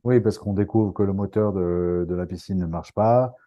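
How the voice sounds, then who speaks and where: A man's voice: deep voice, moderate pace, dark tone, highs cut off. A man interviewing a guest, speaking with frequent hesitations and fillers. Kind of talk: interview chat.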